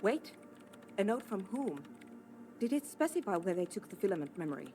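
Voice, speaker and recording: Brusque, expressive actress as defensive woman programmer. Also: mid-range voice, moderate pace, slight background noise, lightly acted. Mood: matter-of-fact. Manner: curt, insistent. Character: exasperated, defensive female programmer, proud and brusque. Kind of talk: scripted video game dialogue.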